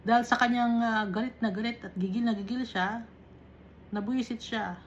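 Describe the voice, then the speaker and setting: A woman with a fairly high voice leads a Bible study. She reads each verse slowly before explaining it, and she keeps checking in with her listeners through short tag questions. The recording sounds slightly dull and lo-fi. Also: fairly even intonation, slight background noise. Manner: often adds tag questions. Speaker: Bible teacher.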